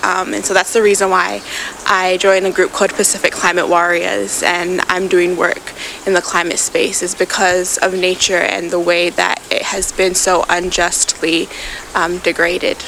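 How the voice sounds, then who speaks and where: A woman's voice: on the low side, flat delivery, moderate pace, creaky, a bit bright, slight background noise, low-quality recording. A young woman from Samoa speaks earnestly and thoughtfully in a conversational interview. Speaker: interview guest, climate activist.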